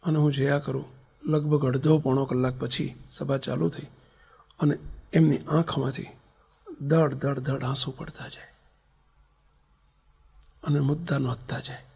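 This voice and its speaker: A man with a Gujarati accent, a swami telling a story in a sermon, his voice rising loud and then falling to a near whisper. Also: mid-range voice, level tone, measured pace, creaky, pauses often, husky. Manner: swings between loud stressed lines and soft, near-whispered ones. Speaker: swami giving a religious discourse.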